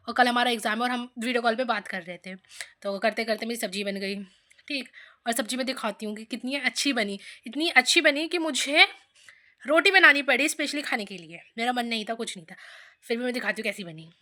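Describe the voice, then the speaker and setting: High-voiced chatty young woman vlogger. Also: brisk, pushed and bright. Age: young adult. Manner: chatty, rambling, dramatic complaints. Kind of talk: casual vlog chat. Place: home kitchen.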